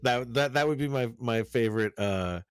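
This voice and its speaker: On a podcast, a male co-host chats casually about a film, rambling, restarting sentences, and often laughing as he tells a story. His mid-range voice is clear and resonant at a moderate pace, recorded dry with studio quality.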